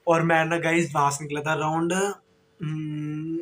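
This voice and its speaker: A young man with a hoarse voice, chatting casually and tiredly to the camera in a daily vlog. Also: a little high, level tone, unhurried, a bit bright, slight background noise. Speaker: vlogger. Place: outdoors then at home.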